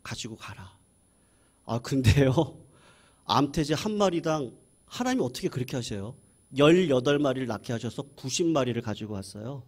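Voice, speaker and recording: A man, a senior pastor, preaching a sermon as a lively story and acting out quoted voices. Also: mid-range voice, normal speed.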